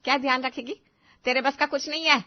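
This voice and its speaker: A woman playing a sharp-tongued, bossy middle-aged mother-in-law in an audio drama, scolding one moment and sugary the next. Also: a little high, expressive, moderate pace. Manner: scolding, then sugary sweet. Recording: slightly dull lo-fi recording.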